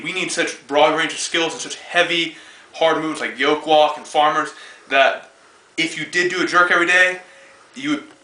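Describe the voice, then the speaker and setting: Bright-voiced young man in an echoey gym. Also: on the high side. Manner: casual, talks while lifting, with frequent fillers. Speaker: strongman athlete and coach. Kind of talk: spoken lifting demonstration. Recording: echoey room, voice far from mic.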